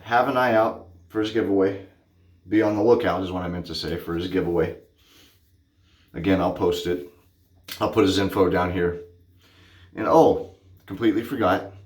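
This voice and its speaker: Chatting casually to camera in his small home bathroom, where the sound echoes, this thirty-something shaving vlogger is goofy and hyper and often corrects himself. His voice sits low and is a little mellow.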